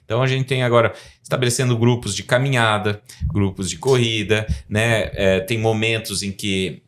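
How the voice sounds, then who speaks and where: A man's voice: lowish voice, fairly even intonation, normal speed, fairly bright tone. A Brazilian man in his forties, a professor being interviewed on a podcast, explaining in a rambling way with frequent tag questions. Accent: Brazilian Portuguese. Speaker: guest scientist and professor.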